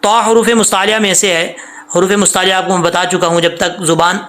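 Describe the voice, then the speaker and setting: Man, high-pitched voice, Pakistani Urdu accent, patient recitation teacher, stretched-out syllables. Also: level tone, fairly bright tone. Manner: patient, repetitive, drawn-out demonstration syllables. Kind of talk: tajweed lesson, explaining and demonstrating pronunciation.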